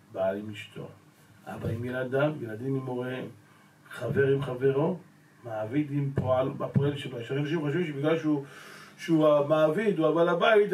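A male rabbi giving a Torah lesson, pressing his listeners with rhetorical questions and calling them gentlemen. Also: fairly high pitch. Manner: addresses the audience as gentlemen. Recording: roomy echo, voice from a distance.

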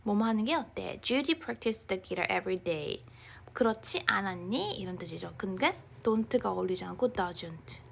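A young woman teaching English grammar in a casual online lecture, chatting informally and reading example sentences slowly, now and then dropping to a near-whisper. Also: mid-range voice, animated, creaky, a little hiss or hum.

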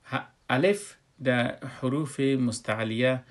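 A man with an Afghan Dari accent teaching a tajweed lesson, explaining step by step with many fillers and slowly chanting example words. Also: medium pitch. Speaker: Quran recitation teacher.

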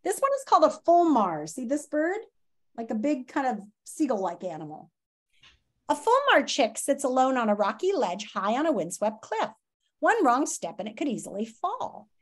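In a small room at home, a woman with a high, sing-song voice reads a children's nonfiction book at normal speed. Like a teacher, she's dramatic and expressive, adding asides and asking her listeners questions.

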